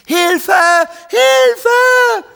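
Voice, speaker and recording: A man voicing a defiant little girl in a storybook reading, whining and shouting her complaints in a high, put-on voice. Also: animated, brisk. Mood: screaming. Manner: loud, whiny pleading.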